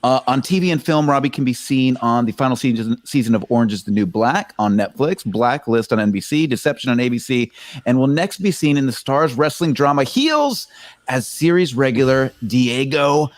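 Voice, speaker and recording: A man co-hosting a podcast, reading a guest introduction with a lively, announcer-like delivery. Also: mid-range voice, normal speed, dry recording. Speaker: podcast co-host.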